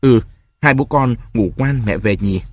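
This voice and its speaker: A man voicing a calm, sardonic husband in his forties. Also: medium pitch, measured pace, dry recording, studio quality, natural voice. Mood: gentle. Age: 40s. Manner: cool, mocking, then gentle with his child.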